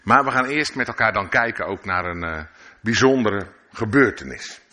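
A man's voice: fairly low pitch, lively intonation, moderate pace, bright, forceful tone. A man preaching a sermon at a church service, reading scripture and adding conversational asides and questions to his listeners.

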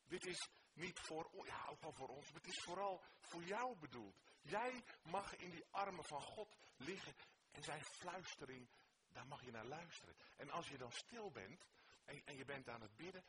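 A male preacher delivers a sermon in a church with a very lively, expressive voice. He drops to hushed tones and then swells into emphatic exclamations. The recording carries clear background noise. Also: a little high, normal speed.

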